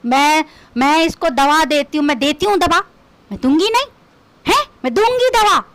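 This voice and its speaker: A woman's voice: high voice, lively intonation, moderate pace, a bit bright. A woman doing a comic rant in a scolding, mocking, quarrelsome way. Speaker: comedian.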